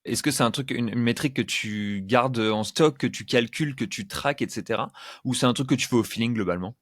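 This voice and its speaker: A man's voice: medium pitch, brisk, dry recording, studio quality. A man hosting a casual podcast interview who asks long, winding questions full of hesitations. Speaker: podcast host.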